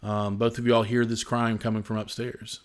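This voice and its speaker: A man narrating as game master of a tabletop role-playing game, descriptive and unhurried, with frequent fillers. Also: on the low side, level tone.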